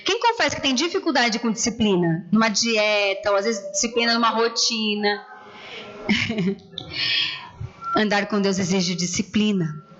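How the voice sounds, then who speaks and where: A woman pastor preaching a sermon in church, telling personal stories in a conversational, animated way. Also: mid-range voice, unhurried, long pauses, muffled recording.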